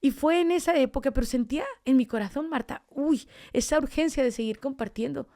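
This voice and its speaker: Brisk and dark-toned, with a voice that sits high, a woman guest on a podcast tells her personal testimony as a street evangelist. She narrates it like a story and performs the quoted dialogue she recalls.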